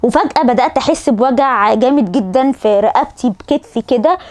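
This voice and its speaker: A woman's voice: a little high, fairly quick. A young woman with an Egyptian accent, telling a comic personal story and acting out the lines of the people in it. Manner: animated, acts out doctors' lines. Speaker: vlogger.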